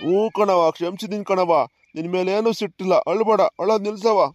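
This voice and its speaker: Man doing a gentle old village grandpa. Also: high-pitched, fast, close to an everyday voice. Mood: consoling. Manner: calm, consoling. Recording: dull lo-fi sound.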